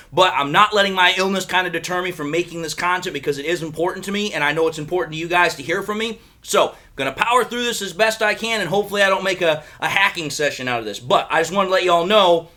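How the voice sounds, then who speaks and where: Slightly unwell, this sports fan show host has a faint crackle in his high-sitting, bright and forceful voice. He speaks to viewers directly in a chatty, casual way, going over points again as he gives his sports analysis.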